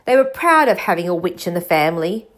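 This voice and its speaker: A woman's voice: fairly low pitch, big pitch swings, fairly quick. A woman voicing a bitter, spiteful middle-aged aunt who rants with scorn and resentment in a storybook reading. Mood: bitter ranting. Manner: ranting, scornful.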